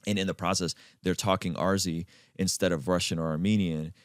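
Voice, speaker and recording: A man from Azerbaijan hosting a podcast conversation, talking emphatically and leaping up in pitch to stress his points. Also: fairly even intonation, fairly quick, clean tone, no echo, clean studio sound. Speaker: podcast host.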